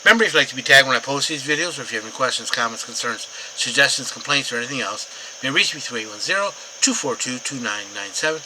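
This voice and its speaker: A man's voice: mid-range voice, expressive, quick pace, noisy background. A man doing a daily Bible reading, reading verses aloud and then explaining them in plain words. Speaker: Bible teacher.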